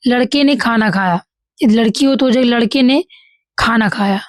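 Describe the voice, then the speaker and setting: This exam-prep grammar lesson comes from a woman with a Bihari Hindi accent, whose voice is a little high and moves at a moderate pace, with no echo. She often says "ठीक है" as she reads each example and then corrects it.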